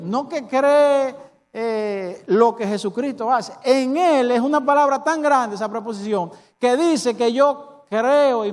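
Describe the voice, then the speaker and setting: A male pastor from the Dominican Republic, with a Dominican Spanish accent, preaches emphatically in a reverberant church hall, peppering the congregation with rhetorical questions. His voice is very high and a little mellow.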